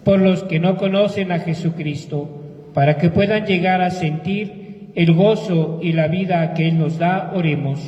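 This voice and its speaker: A man with a high voice reads liturgical petitions in a church. The sound is dull and distant, washed in a long cathedral echo. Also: measured pace, background noise. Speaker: reader of the prayers of the faithful. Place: large reverberant church. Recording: muffled, echoey church, distant microphone.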